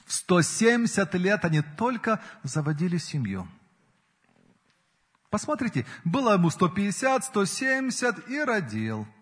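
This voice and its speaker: A man's voice: high-pitched, sing-song, measured pace, a bit bright, slightly rough. A man in his forties preaching a sermon in an earnest way, his emphasis rising and falling. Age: 40s. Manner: earnest, rises and falls in emphasis. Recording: long hall reverb.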